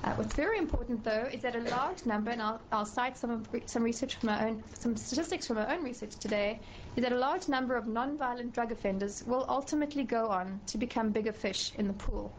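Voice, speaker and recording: A middle-aged female professor with a South African accent testifies formally before a committee in a slightly high voice. She speaks in a measured way, pausing on fillers and restarting phrases. The audio is poor, with a faint hiss underneath.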